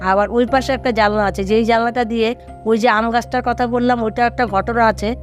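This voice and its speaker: A man's voice: extremely high pitch, steady tone, brisk, faint music behind. A man telling a ghost story in casual conversation, rambling and repeating himself with many fillers.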